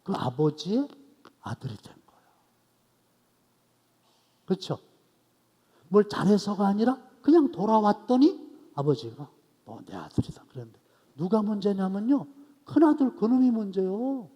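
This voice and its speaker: Male pastor mid-sermon, a bit high-pitched, husky, long church echo, animated loud-soft storytelling. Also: measured pace, pauses often, lo-fi sound. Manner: animated storytelling, swinging between loud outbursts and soft asides. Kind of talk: expository sermon. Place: church evening service.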